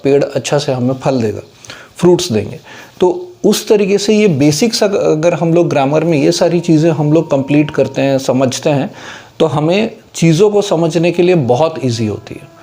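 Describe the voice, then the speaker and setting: At a normal speed, a man with a fairly high, dark-toned voice and an Indian English accent teaches English words on a whiteboard. His casual, steady explanations mix English terms into Hindi, and he asks students whether they understand.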